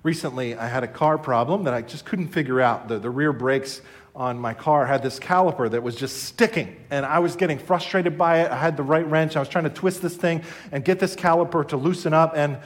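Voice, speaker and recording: A man's voice: fairly high pitch, fairly quick. A middle-aged man preaching a sermon as a pastor, earnest and conversational with his congregation.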